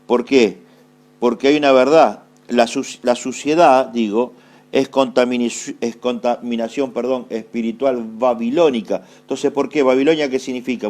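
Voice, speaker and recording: Argentine pastor guy preaching, mid pitch voice, fires off questions then answers them, says stuff twice. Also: darkish tone. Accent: Argentine Spanish. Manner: asks rhetorical questions and answers them, repeats phrases for emphasis. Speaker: apostle preaching. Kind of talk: sermon.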